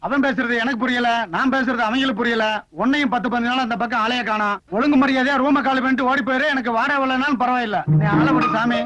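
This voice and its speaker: A man's voice: extremely high pitch, fairly even intonation, quick pace, few pauses, pushed and bright, lo-fi sound, faint music behind. An actor playing an indignant male comic complainer in a film comedy scene, ranting and scolding. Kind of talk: Tamil film comedy acting.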